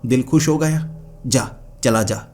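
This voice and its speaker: A man's voice: mid-range voice, takes it slowly, darkish tone, slight background noise, close to an everyday voice. A man voicing a taunting female tree witch spirit in a spoken horror story. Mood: mocking. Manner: taunting, then pleading and sly.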